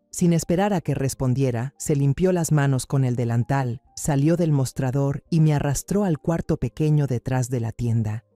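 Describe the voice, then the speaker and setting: A man's voice: mid-range voice, dark tone, dry recording. A man reading a somber, dramatic first-person story as scripted narration.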